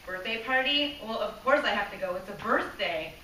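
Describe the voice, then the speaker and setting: With lively intonation, a medium pitch and a moderate pace, a woman delivers a prepared talk to a live club audience. She's earnest and direct, questions the listeners, and occasionally loses her place and begins again, all captured distantly in an echoey room with a faint hiss.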